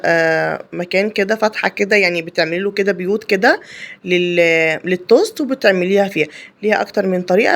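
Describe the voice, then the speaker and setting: A woman with an Egyptian Arabic accent hosting a home cooking video. She explains each step in a chatty way, with many fillers and restarts. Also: mid-range voice. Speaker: home cooking channel host. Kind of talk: casual cooking tutorial voice-over.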